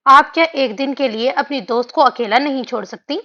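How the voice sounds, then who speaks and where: A woman voicing a lively, teasing young husband in an audiobook. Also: high voice, moderate pace. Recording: dull lo-fi audio.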